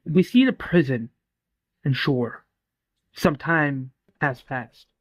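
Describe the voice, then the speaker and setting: A man's voice: fairly high pitch, takes it slowly, dry recording. A man casually retelling a fan series episode scene by scene, rambling with restarts and acting out quoted lines. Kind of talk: casual spoken retelling of a story.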